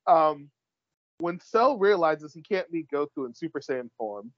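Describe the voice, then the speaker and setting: A man's voice: fairly high pitch, expressive, unhurried, no room sound. Blunt, wry man on a lo-fi podcast. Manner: blunt, wry, swears casually. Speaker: podcast co-host. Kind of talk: casual chat, reading list entries aloud. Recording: dry, dull lo-fi sound.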